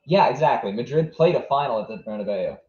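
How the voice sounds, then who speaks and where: Expressive and quick, a slightly mellow medium-pitched voice comes from a young American streamer in southwest Virginia. He reacts to a match as it unfolds, talking casually and thinking through replies to chat. The recording sounds dull and roomy.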